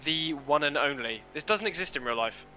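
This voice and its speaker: Male streamer, casual racing chatter on a headset, sharp bright tone, joking at his own expense. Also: fairly high pitch, animated, brisk, slight background noise, poor audio. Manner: self-deprecating, swears casually. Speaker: streamer and sim racing driver. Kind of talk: casual chat while racing.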